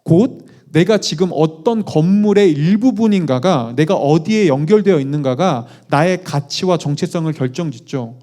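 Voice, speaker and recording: A male pastor preaching a conversational sermon, animated, putting questions to the congregation with self-deprecating asides. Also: fairly high pitch, normal speed.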